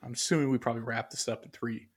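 Racing along at medium pitch with fairly even intonation, a man co-hosting a casual podcast reads aloud from notes and thinks out loud. He rambles and hesitates, often restarting and filling gaps with fillers.

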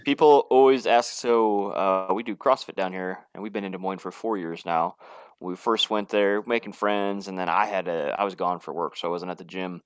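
Low-voiced man in his thirties, casual. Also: steady tone, moderate pace, clear, resonant tone, no room sound. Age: 30s. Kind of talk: casual chat.

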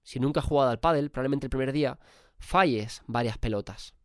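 A man's voice: mid-range voice, fast talker, no echo, studio quality. Spanish man with a cold, motivating. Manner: emphatic, casual swearing. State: has a cold. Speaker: podcast host. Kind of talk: motivational podcast monologue.

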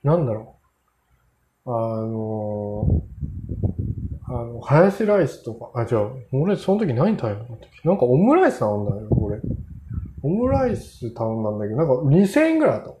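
A man's voice: medium pitch, big pitch swings, normal speed, warm tone, a little hiss or hum. A man casually telling rambling, self-mocking anecdotes in a solo monologue. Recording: roomy echo.

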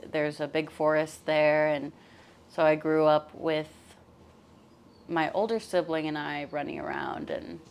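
A young woman with a notably low voice talks easily and openly about her life, laughing often as she goes. Her tone is friendly and chatty, and a faint hiss sits under the recording. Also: lively intonation, measured pace, vocal fry, darkish tone. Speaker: podcast guest, musician and producer. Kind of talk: casual interview chat.

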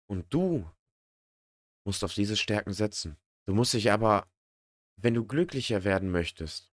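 A man's voice: fairly low pitch, dry recording, clean studio sound. Earnest man giving a motivational talk. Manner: earnest, direct, addresses the listener as du. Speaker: podcast host. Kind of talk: motivational monologue.

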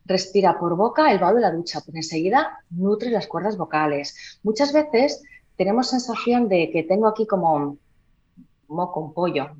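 A woman voice therapist explaining in a podcast interview, demonstrating by changing her volume and slowing down. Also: lowish voice, lively intonation, darkish tone, lo-fi sound. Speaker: voice therapist and trainer.

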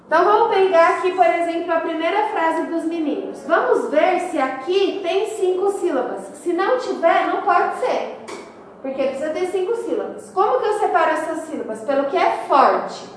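Teaching her class, this woman walks through each step and counts syllables aloud. She sounds very high and animated at a moderate pace, far from the mic in an echoey room, with slight hiss or hum.

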